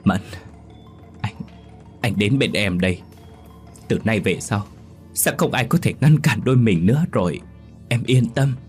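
A man's voice: on the low side, expressive, a little slow, pauses often, soft background music. A man voicing a grieving young man who stammers, dazed and devoted. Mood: tender.

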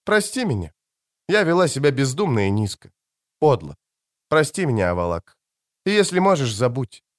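A male audiobook reader voicing a defiant, hot-tempered young woman who answers with sharp, mocking retorts. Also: medium pitch, sing-song, normal speed, no room sound, clean studio sound, natural voice. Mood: contrite. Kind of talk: audiobook character reading.

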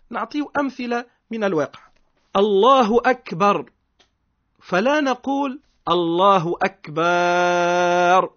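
A man with a Tunisian accent giving an earnest religious radio lesson, speaking emphatically and slowing down for prayers. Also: a little high. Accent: Tunisian Arabic. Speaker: religious teacher on a radio program. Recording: dull lo-fi recording.

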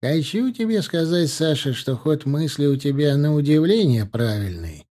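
A man voicing a calm, stern counterintelligence captain who speaks in an impassive, measured way. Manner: impassive, measured, slightly higher pitch.

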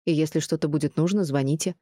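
Woman reading a reserved man, flat, colorless, emotionless, mellow low voice. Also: fast, no room sound, clean studio sound, close to an everyday voice. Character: reserved, unreadable grown man.

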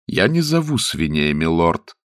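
A man's voice: low-pitched, very animated, unhurried, dry recording, studio quality. A man voicing a dignified, formal middle-aged butler in a read-aloud story. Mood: solemn.

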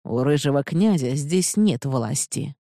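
A cold male commander of guards, put on by an audiobook reader, slow, measured and scornful. The tone is dark and mellow, recorded dry with no room sound. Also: medium pitch, lively intonation, no echo. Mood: contemptuous. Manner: slow, contemptuous. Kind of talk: audiobook character voice.

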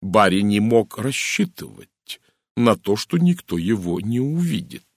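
A man voicing a methodical middle-aged police chief in an audiobook, speaking in a measured, authoritative way. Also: fairly low pitch, big pitch swings, no echo, studio quality, heavily acted. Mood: reasoning. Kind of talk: audiobook character reading.

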